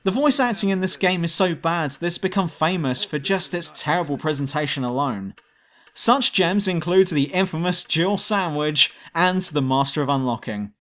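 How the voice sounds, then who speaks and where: A man's voice: on the high side, animated, moderate pace, a bit bright. A man narrating a scripted video game review as host, blunt and sardonic.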